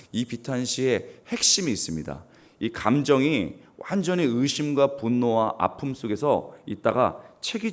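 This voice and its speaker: A middle-aged guest pastor with a mid-range voice preaches a revival sermon full of dramatic swings and sudden raised exclamations. Every so often he clears his throat.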